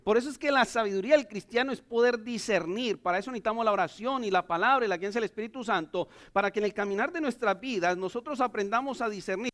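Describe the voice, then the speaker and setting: A man, a pastor, preaching a church sermon, swinging between loud emphatic lines and low quiet asides. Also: fast, few pauses.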